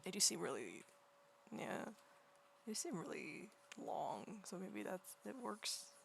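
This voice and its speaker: A woman livestreaming while she draws, chatting casually in a quiet, soft, near-whispered voice and rambling through many restarts. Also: medium pitch, big pitch swings, takes it slowly, gravelly, slight background noise. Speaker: livestreaming artist. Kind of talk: casual chat while drawing. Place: home room beside a partner who is gaming.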